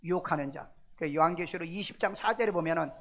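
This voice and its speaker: A man's voice: on the high side, fast talker. A male pastor preaching a sermon in a church, emphatic and full of rhetorical questions. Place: church sanctuary.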